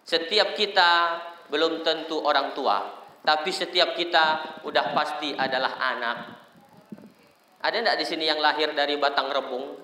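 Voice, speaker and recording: Male preacher, storytelling humor, bright voice, echoey hall. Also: on the high side, steady tone, normal speed, pauses often, a little hiss or hum. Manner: storytelling, joking, shifting voices. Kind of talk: humorous sermon. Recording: echoey hall with faint ambience.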